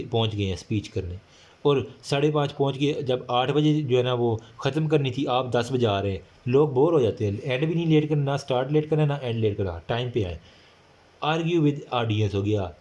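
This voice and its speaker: A man giving a casual recorded lecture, reading English points slowly and explaining them in chatty Hindi-with many fillers. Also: medium pitch, darkish tone.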